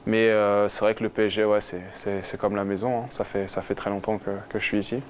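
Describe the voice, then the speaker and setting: A man's voice: fairly low pitch, flat delivery, fairly quick. Hesitant young man, faint background noise. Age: 20s. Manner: hesitant, many fillers and restarts. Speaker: footballer guest. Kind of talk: casual interview.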